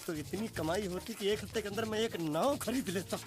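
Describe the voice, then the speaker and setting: An actor playing a simple, loyal servant who wails comically in a film comedy. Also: male voice, high-pitched, fairly quick, natural voice. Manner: wailing and comic.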